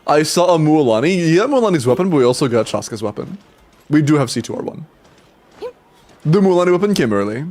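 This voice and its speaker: Brisk and lively in intonation, this young man's voice runs on the high side with a darkish tone. He streams a game and chats casually with his viewers, congested and stuffy-sounding, rambling and restarting, with casual swearing and laughter.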